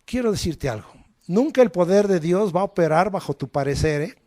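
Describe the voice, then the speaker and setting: A man's voice: sits high, expressive, brisk. A male preacher, telling dramatic stories in a sermon and acting out the people in them. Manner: dramatic storytelling, acts out voices, shouts at climaxes.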